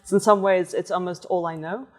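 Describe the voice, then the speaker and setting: A woman artist and environmentalist guest, born in Portugal and raised in many countries, telling anecdotes in a lively conversational way. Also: lowish voice, a little fast, big-room sound. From born in Portugal, raised in several countries. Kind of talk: conversational storytelling.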